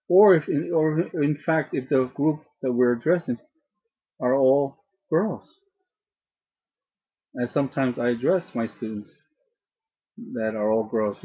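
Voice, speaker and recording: A man teaching a grammar lesson slowly and patiently, often repeating and restarting his phrases. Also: medium pitch, slightly rough. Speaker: language teacher. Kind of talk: slow, deliberate grammar lesson. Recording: dull lo-fi recording.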